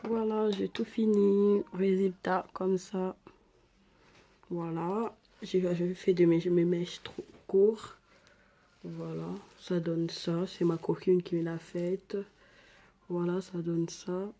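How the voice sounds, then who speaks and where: A makeup vlogger with an African French accent chats casually through a tutorial, murmuring asides as she works and filling pauses with repeated little words. Her voice is lowish and warm, her delivery flat.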